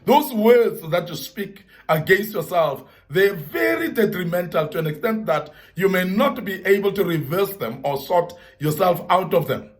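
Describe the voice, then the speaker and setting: Man, high voice, earnest motivational speaker who leans on repetition and scripture. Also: lively intonation, normal speed, hardly any pauses. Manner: earnest, repetitive emphasis, Bible references. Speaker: speaker giving advice to young men. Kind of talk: motivational talk.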